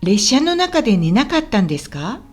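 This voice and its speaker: In a radio drama for language learners, a woman plays a friendly, helpful local guide showing a visitor around Osaka, sounding welcoming. Her high, very animated voice moves a little fast, giving polite, clearly spoken explanations over faint music.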